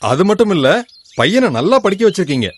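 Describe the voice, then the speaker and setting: An older village father in a film, talking through his daughter's match in a genial, persuasive way. His voice is fairly high and lively. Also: fast, breathy edge, full character voice. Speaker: bride's father. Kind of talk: film acting.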